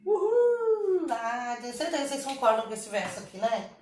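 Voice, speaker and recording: A woman's voice: on the high side, quick pace, reverberant, far from the mic, a little hiss or hum. A woman teacher with a Brazilian Portuguese accent, giving an online lesson in a patient, explanatory way and often checking in with her students.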